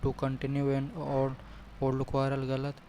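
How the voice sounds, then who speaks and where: A man working through a mock exam aloud, repeating each option and reading English sentences slowly before explaining in Hindi. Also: medium pitch, monotone, mellow, a little hiss or hum, low-quality recording. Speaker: exam prep tutor. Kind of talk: solving a mock test aloud.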